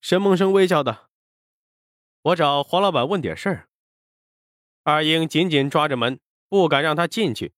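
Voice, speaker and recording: A man narrating an audiobook with expressive storytelling. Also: fairly high pitch, no room sound, clean studio sound.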